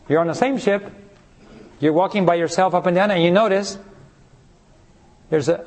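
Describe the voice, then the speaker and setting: A man with a fairly high voice delivers a sermon. He leans on rhetorical questions to the listeners and slips into short acted voices for the people in his stories. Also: darkish tone. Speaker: preacher.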